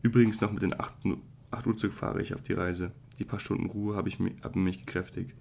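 A man voicing a young male clerk turned into an insect, apologizing in a hurried, stumbling way while reading an audiobook. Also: low voice, steady tone, creaky, a little mellow, a little hiss or hum. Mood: flustered pleading.

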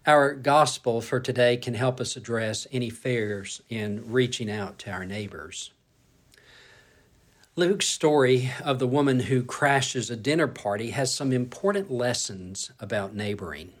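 A male pastor delivering a sermon, reading scripture and telling a personal story in a measured, storytelling way. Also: medium pitch. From grew up in a city.

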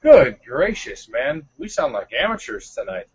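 Guy calling in on a phone, sounds like he's stuck in a barrel, husky, pitch all over the place. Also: unhurried. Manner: animated, stumbling, exclaims "good gracious". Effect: muffled phone line that sounds like he is inside a barrel. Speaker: podcast co-host. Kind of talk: casual chat. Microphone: telephone. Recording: muffled lo-fi phone line.

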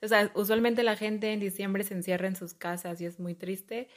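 A woman's voice: medium pitch, little pitch movement, moderate pace. A woman from Mexico with a Mexican accent, co-hosting a casual podcast chat in a playful way and laughing often. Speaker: podcast co-host.

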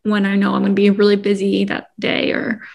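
A woman's voice: medium pitch, monotone, a little fast, vocal fry, a little mellow. A young woman co-hosting a podcast in casual chat, talking in a chatty way with many "like" and "um" fillers. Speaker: podcast co-host.

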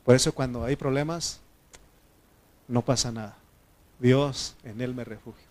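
A man's voice: mid-range voice, steady tone, measured pace, a little mellow. A man preaching a sermon in a conversational way, often asking the congregation questions. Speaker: pastor.

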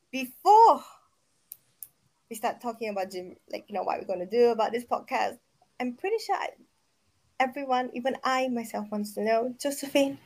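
A woman's voice: a little high, a little mellow. A woman co-hosting a casual podcast who rambles, halts and corrects herself as she talks. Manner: rambling, halting, self-correcting. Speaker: podcast co-host.

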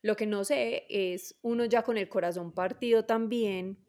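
A woman co-hosting a podcast, asking gentle, slow questions in casual chat. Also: mid-range voice, steady tone. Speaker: co-host.

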